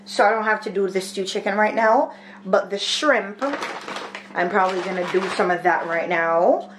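A woman's voice: mid-range voice, steady tone, normal speed. Young woman, home vlogger, rambling casual chat, held camera close, faint room hiss. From Jamaica. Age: 20s. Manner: chatty, rambling, thinking aloud with many fillers. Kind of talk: casual daily vlog chat. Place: small home kitchen and spare room indoors.

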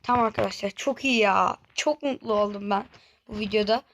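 A woman with a medium-pitched voice hosts a gaming channel, offering brisk, casual commentary on the gameplay. She keeps chatting directly to her viewers, and there's noise in the background.

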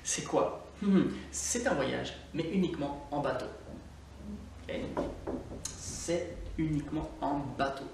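A man with a Scottish accent, an online English teacher giving a chatty, upbeat lesson to camera and repeating key words slowly for learners. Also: on the high side, vocal fry, background noise. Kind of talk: lively language lesson to camera. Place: indoor room, filmed live to camera. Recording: very echoey room, distant mic, faint music.

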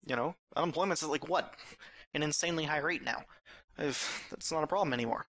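A man's voice: fairly high pitch, fairly quick, fairly bright tone, no room sound. A young man ranting casually in a solo video, opinionated and sarcastic, a little out of breath, laughing at his own points. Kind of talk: casual rambling rant.

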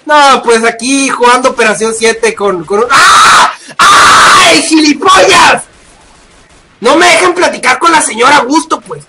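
A young man with a Mexican accent, giving loud, profane commentary over his gameplay and shouting at the game. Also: extremely high pitch, normal speed, hardly any pauses, heavy background noise. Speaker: gaming video creator.

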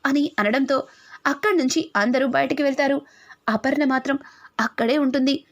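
A woman with a high voice narrates a TV serial episode at a brisk pace. She slips quoted lines into the retelling as she goes. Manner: brisk storytelling with acted quotes.

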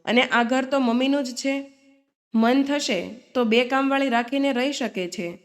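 A firm, outspoken grown daughter, read by a woman storyteller, who speaks up for her mother in a storybook tale. Her voice sits somewhat high and stays close to a plain reading voice. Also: a little slow. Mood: confronting. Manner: firm, scolding.

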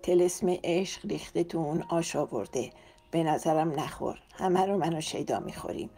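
A woman's voice: low-pitched, dark tone, breathy edge. A woman voicing a mischievous, mocking younger man who jokes constantly, in an audiobook. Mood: teasing. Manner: mocking, playful.

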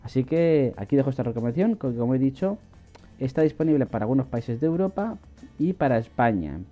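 A man talks through a website in a casual screen-recorded walkthrough, stopping often to restart his sentences. His voice sits at an ordinary middle pitch. The recording is a little dull and lo-fi, with faint music behind him. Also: lively intonation, fairly quick. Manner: casual explainer with frequent fillers and restarts. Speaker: online money-making channel host.

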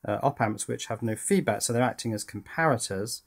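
A brisk, mid-range male voice narrates a hands-on electronics build at an indoor workbench. The video's host keeps it informal, thinking aloud with a bit of hesitation.

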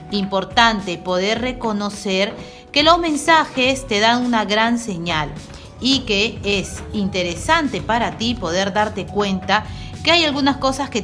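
A woman gives a daily tarot reading in a gentle, advising voice, slowing down to repeat her key warnings. Her pitch sits in a middle range. Faint background music plays beneath her. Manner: soothing, advising, repeats key phrases slowly. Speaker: tarot reader.

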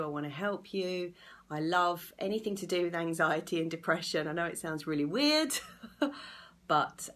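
On a live stream, a woman with a croaky, low voice and a fairly bright tone talks casually to her viewers, chatty and encouraging, greeting them by name. She's an anxiety coach in a small indoor room at home, using a phone or laptop camera held at arm's length.

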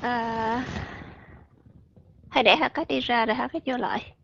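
A woman's voice: a little high, unhurried, gravelly, fairly bright tone, highs cut off. A woman teaching an online English pronunciation lesson, chatty and checking often on her listeners.

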